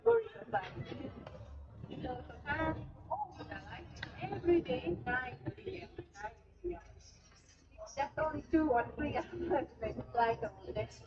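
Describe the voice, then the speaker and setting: High-voiced tour guide woman, distant and echoey. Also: animated, slow, darkish tone. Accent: Japanese. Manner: chatty, switches languages, leads crowd clapping. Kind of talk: live tour guiding in Japanese and English. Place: tour boat on a canal, outdoors. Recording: distant, echoey, dull, crowd behind. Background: crowd noise.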